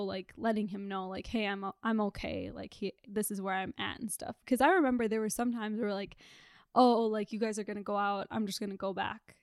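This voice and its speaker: A woman's voice: mid-range voice, no echo, studio quality. A young woman in her twenties chatting casually as co-host, telling a personal story with many fillers. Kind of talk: casual chat.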